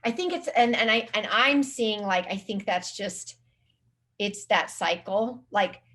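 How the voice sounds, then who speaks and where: A woman's voice: medium pitch, measured pace, fairly bright tone. A woman speaking as a marketing guest in a casual interview. She rambles, restarts her sentences and uses lots of filler words. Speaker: guest social media marketing specialist.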